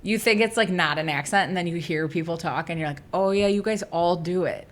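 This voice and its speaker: A woman in her thirties from Michigan with a Michigan accent, co-hosting a podcast in casual, self-critical chat. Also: fairly low pitch. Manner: chatty, self-critical, quick asides. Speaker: podcast co-host.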